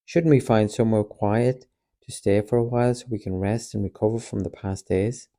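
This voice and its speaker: A weary male disciple who gently urges rest, as a man reads him. The voice is low and mellow, delivered as a calm storybook reading. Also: moderate pace, lightly acted. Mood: concerned. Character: Andrew, concerned tired male disciple. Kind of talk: audiobook reading.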